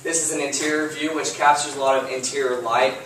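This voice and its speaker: A man's voice: mid-range voice, steady tone, fast, fairly bright tone. A young man from Texas giving a student project presentation, walking methodically through slides with frequent ums and uhs. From Lufkin, Texas. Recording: distant mic in an echoey room with faint noise.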